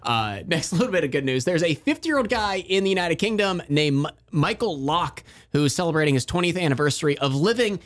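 A man hosting a radio morning show, chatting in an animated way and laughing often. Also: fairly high pitch, brisk, few pauses.

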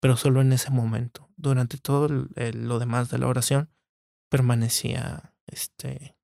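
A man recalling a family memory in a halting way, with many fillers. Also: medium pitch, level tone, vocal fry, warm tone, dry recording, clean studio sound. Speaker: podcast guest. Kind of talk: personal recollection.

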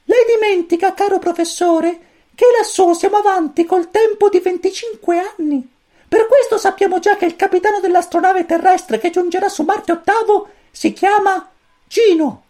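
A woman voicing a tiny, fussy male cosmic chick who commands a spaceship, squeaky, stern and lecturing, in a storybook reading. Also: fairly even intonation, normal speed, warm tone.

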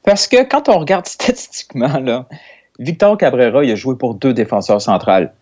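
A mid-pitched man with a Québécois French accent chats on a sports podcast. He is relaxed and often stops and restarts his sentences, and his voice comes through a dull, lo-fi recording. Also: moderate pace. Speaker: podcast co-host. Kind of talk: casual sports podcast chat. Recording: dull lo-fi sound.

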